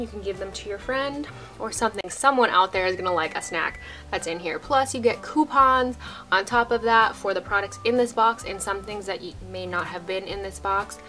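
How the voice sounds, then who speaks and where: A woman's voice: medium pitch, fairly quick, pushed and bright, soft background music. A young woman vlogger chatting casually while unboxing and tasting snacks, sometimes talking with food in her mouth.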